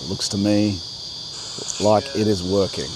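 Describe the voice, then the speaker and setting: Slow, low-voiced man outdoors. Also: noisy background. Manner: slow, meditative, with soft laughs. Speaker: host. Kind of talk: reflective spiritual vlog monologue. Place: outdoors in a coastal national park. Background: crickets and insects.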